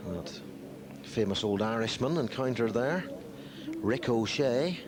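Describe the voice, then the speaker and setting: A man giving measured live television golf commentary, with dry, wry asides. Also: medium pitch, lively intonation, crowd noise.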